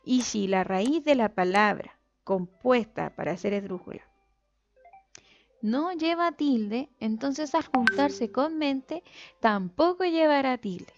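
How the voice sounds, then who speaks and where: A woman teacher walks through a recorded lesson in a patient, explanatory way, slowing down to stretch each example word. Her voice sits a little high. The recording sounds dull and lo-fi, with faint music underneath. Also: animated.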